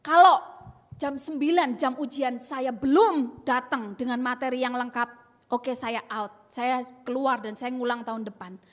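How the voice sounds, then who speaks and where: A woman's voice: high-pitched, fairly even intonation, measured pace. A young adult woman giving an earnest testimony sermon, telling her story emphatically and acting out the dialogue. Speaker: speaker sharing a testimony. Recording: long reverb in a large hall.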